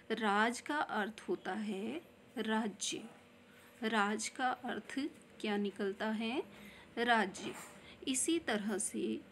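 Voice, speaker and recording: Woman teacher, very slow deliberate delivery, slightly high voice, faint hiss behind; patient classroom explainer who repeats every example. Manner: repeats each example word slowly, often asks "ठीक है". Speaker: Hindi grammar teacher.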